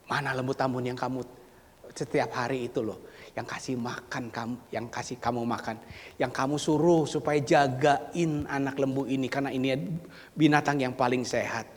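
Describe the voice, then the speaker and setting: A man preaching acts out a household servant who tells the son what happened, swinging between loud and hushed delivery, in an echoing church hall. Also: medium pitch, a little hiss or hum, natural voice.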